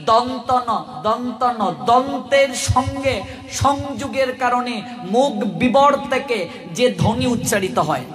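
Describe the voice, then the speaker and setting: A man's voice: very high-pitched, slow pace. A man teaching pronunciation, spelling words out letter by letter with chuckling asides. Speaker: religious speaker teaching pronunciation. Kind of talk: spoken lesson to an audience. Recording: long hall reverb.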